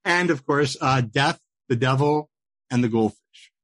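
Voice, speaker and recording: A man's voice: mid-range voice, a little slow, dry recording. A man hosting a podcast, asking questions in a friendly, conversational way. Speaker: podcast host. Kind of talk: casual podcast interview.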